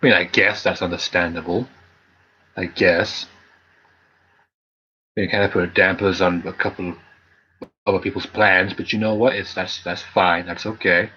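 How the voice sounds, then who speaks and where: A man with a husky, slightly breathy voice sitting low in his range, chatting loosely through a subscriber Q&A. He drifts and restarts his sentences, leaning on fillers as he goes. The sound is dull and lo-fi. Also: steady tone, moderate pace, long pauses, bright, forceful tone. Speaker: channel host. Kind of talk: casual live Q&A chat.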